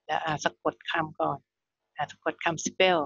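A woman teaching young pupils English, slowly spelling out words letter by letter and repeating them patiently. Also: low voice, fairly even intonation, creaky, a bit bright, dry recording, muffled recording. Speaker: primary school English teacher.

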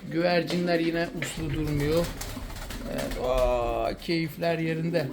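A man's voice: a little high, steady tone, slow, gravelly. A man from Turkey showing his quails in a casual vlog, talking fondly and soothingly to the birds. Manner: fond, soothing, talks to the birds. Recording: noisy with bird sounds. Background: cooing birds, pigeons.

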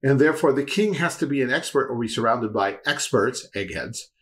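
Guy hosting a bible chat, rambly, animated, keeps repeating himself. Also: mid-range voice, fairly quick. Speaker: host and Bible teacher. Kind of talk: casual Bible discussion.

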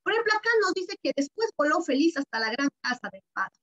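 A woman's voice: high-pitched, sing-song, fast talker, dull audio. A woman teacher with a Peruvian Spanish accent, reading a story aloud to young pupils and explaining it, often checking in with "¿verdad?". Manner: warm-toned, explanatory, keeps asking "¿verdad?". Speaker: primary school teacher. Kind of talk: reading comprehension lesson for children.

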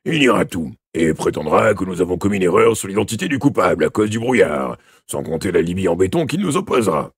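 A stern, scolding police inspector, as a man reads him aloud from a detective novel. The voice is husky and low, yet lifts and swings with lively inflection, and it sits close and dry with no room around it. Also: moderate pace, dry recording, full character voice. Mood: exasperated. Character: gruff middle-aged male police inspector.

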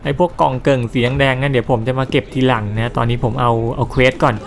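A man's voice: medium pitch, steady tone, quick pace, vocal fry. Man, let's-play commentator, chatty, casual, coarse slang, mild swearing. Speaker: gameplay commentator.

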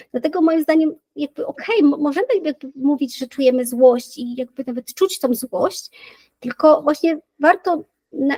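Woman psychologist, high voice, dry close sound, casual and thoughtful, lots of fillers. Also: darkish tone, no echo, rough recording. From Poland. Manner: thoughtful, many fillers and restarts. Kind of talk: casual explanatory chat.

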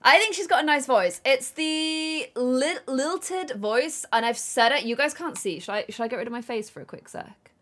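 A young woman chatting excitedly while live-streaming a game, laughing often. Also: sits high, normal speed.

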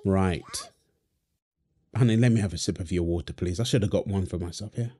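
With a deep, mellow voice and a slightly quick pace, a man plays a husband and father in a wholesome audio roleplay. He teases his partner in a playful way and coos affectionately at their baby.

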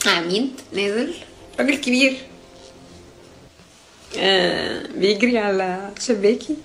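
A young woman from Jordan telling a personal account in a distressed, agitated way, halting and restarting as she talks. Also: medium pitch, a bit bright, faint music behind.

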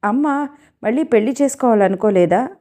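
A woman's voice: fairly high pitch, expressive, moderate pace, dark tone, natural voice. A woman reading the lines of a young man who jokes lightly with his fiancée. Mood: playful.

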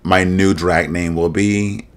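A man's voice: sits low, steady tone, slow. A young man hosting a reaction video from a small room on a webcam and desk mic, cracking sassy, shady jokes and laughing often. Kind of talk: casual reaction commentary. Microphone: desk microphone, webcam.

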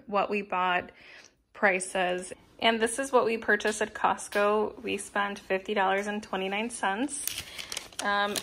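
A woman's voice: mid-range voice, fairly bright tone. Young woman rambling thru her grocery haul at home, ums and restarts, faint hiss behind. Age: young adult. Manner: chatty, list-like, frequent ums and restarts. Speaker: vlogger. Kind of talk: casual grocery haul narration. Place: home kitchen, indoors.

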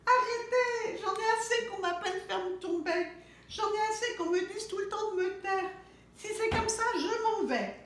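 A woman's voice: high-pitched, lively intonation, a little slow, voice pushed up. A woman voicing a chatty, curious little male chick who asks endless eager questions, in an echoey room. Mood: upset.

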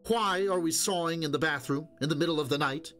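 A man voicing a brisk, bossy young wife who scolds her husband. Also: medium pitch, animated, natural voice. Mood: scolding. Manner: sharp, scolding, exasperated.

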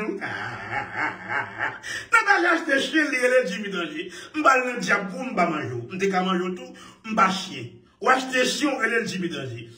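A man talking excitedly in casual speech, laughing often and repeating his phrases. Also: high-pitched. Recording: echoey room, far from mic.

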